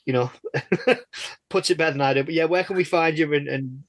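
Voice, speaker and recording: A man guest-hosts a podcast interview, chatting casually in a rambling, jokey, self-deprecating way. His voice is slightly high and his speed is normal.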